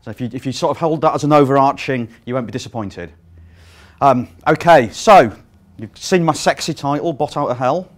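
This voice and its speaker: A middle-aged Briton delivers a conference talk without a sound system, pushing his voice out to reach the whole room. He's lively and says um and uh often, speaking quite quickly at a medium pitch.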